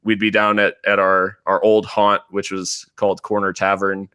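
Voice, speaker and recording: An American man chatting casually as a podcast guest, relaxed and rambling with many fillers and restarts. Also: low voice, moderate pace, smooth, no room sound, clean studio sound. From United States.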